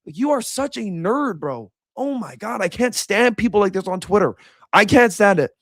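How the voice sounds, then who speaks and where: A man's voice: high-pitched, lively intonation, normal speed, no echo, clean studio sound. A young man giving a heated, blunt reaction rant as a sports commentator. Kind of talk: ranting reaction video.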